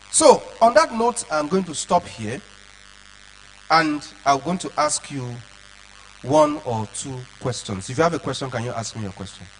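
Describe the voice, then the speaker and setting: A man lecturing children on public speaking, animated and checking often that they follow along. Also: on the high side, rough recording.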